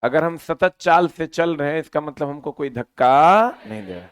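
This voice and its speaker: A man teaches a physics class, lively and forever firing questions back at his students. His voice sits high and smooth. The sound is dry and close, with no room in it. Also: moderate pace, no room sound.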